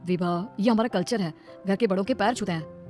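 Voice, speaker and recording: A woman's voice: medium pitch, a little fast, over music, lightly acted. A woman narrator voicing an earnest young husband pleading with his family.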